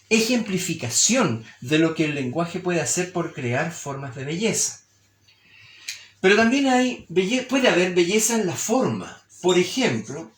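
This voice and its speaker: A man with a Chilean accent gives a reflective humanities lecture, his voice sitting somewhat high for a man. He talks expressively, shifting tone and pace as he demonstrates his points. The recording carries a roomy echo. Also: slight background noise. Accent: Chilean Spanish.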